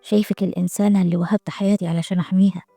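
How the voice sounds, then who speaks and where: A woman drops her voice to play a young millionaire in a drama recap, protective and quietly intense, with an Egyptian Arabic accent. His lines come out low, soft and gravelly, and he talks fast. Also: flat delivery, no room sound, soft background music, close to an everyday voice. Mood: tender.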